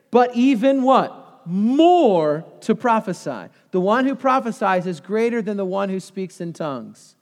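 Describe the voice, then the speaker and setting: A man's voice: high-pitched, big-room sound. A man in his thirties preaching a sermon with passion, throwing questions out to the congregation. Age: 30s.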